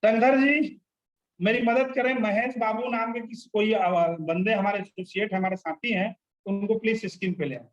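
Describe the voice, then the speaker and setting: A man with a very high voice runs an online sales training session, teaching and asking his listeners questions. The sound is roomy and echoey. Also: steady tone, normal speed, muffled recording. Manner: teacherly, poses questions to the group. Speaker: sales trainer hosting a panel.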